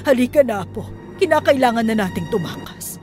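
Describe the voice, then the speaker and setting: A woman's voice: sits high, huge pitch swings, fairly quick, a little mellow, soft background music. Lola Tiray, tormented old aswang grandmother. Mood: urgent. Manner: pleading, moaning, desperate. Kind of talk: animated storybook voice acting.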